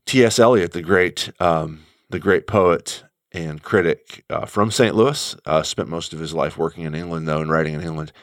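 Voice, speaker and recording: A man's voice: sits low, steady tone, normal speed, few pauses, dry recording, studio quality. A middle-aged man talking through ideas as a guest, thoughtful and searching, with frequent restarts. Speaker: guest commentator. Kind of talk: conversational radio talk.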